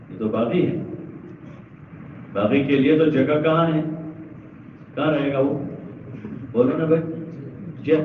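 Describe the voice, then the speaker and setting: A man's voice: mid-range voice, slight background noise. Preaching man in an echoey hall, phone-like sound. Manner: asks the audience questions and answers them himself. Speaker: Islamic preacher. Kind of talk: sermon. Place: large gathering hall. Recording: echoey, far-off, phone-like lo-fi recording.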